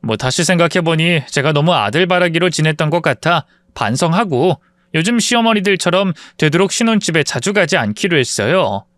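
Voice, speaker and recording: A man's voice: on the high side, lively intonation, fairly quick, hardly any pauses, a bit bright, no room sound. A man reading a first-person story as a scripted narration, in a confiding, matter-of-fact tone.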